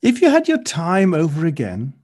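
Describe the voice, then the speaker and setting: A man's voice: a little high, wildly swooping pitch, normal speed, darkish tone. A man interviewing a guest, responding with enthusiastic, effusive praise. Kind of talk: podcast interview.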